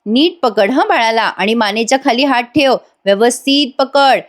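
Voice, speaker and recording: A woman voicing a patient, sensible young woman who gives gentle, firm instructions. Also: on the high side, animated, normal speed, lightly acted.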